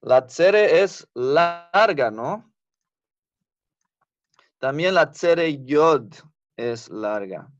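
A man's voice: fairly high pitch, lively intonation, no echo, dull audio. A man teaching a Biblical Hebrew grammar class online, explaining patiently and checking with students as he goes. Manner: patient, explains slowly, asks the class for confirmation.

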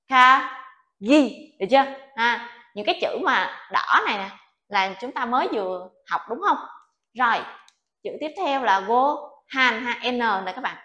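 A woman's voice: fairly high pitch, a bit bright. A woman teaching an online Japanese alphabet lesson, patient and coaxing, often checking that her students follow. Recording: echoey room.

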